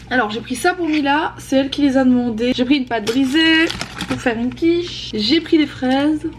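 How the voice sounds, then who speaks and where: A woman vlogger chats to her viewers in a loose, rambling way, with plenty of fillers. Her voice is a touch high, and faint background noise runs under it. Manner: chatty, rambling, with many fillers. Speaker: family vlogger and mother. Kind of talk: casual vlog chat.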